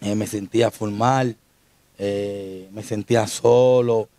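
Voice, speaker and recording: A man's voice: on the low side, fairly even intonation, slow pace, dark tone, dry recording. Slangy Dominican man telling his story. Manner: slangy, repeats street address terms. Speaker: interview guest. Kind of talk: emotional personal storytelling.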